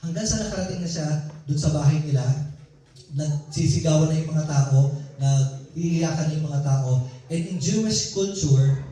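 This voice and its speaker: A man with a voice on the high side and a dark tone preaches at a moderate pace, telling stories in a personal, conversational way. He's in a church hall, heard from far off amid very heavy echo.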